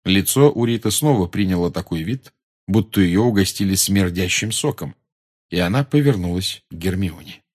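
A man narrating an audiobook in a measured, expressive manner. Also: low-pitched, slightly rough. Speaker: audiobook reader. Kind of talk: scripted narration.

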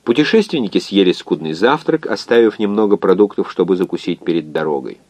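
A man narrating a science fiction novel in an expressive, measured reading. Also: low voice, dry recording. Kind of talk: scripted audiobook narration.

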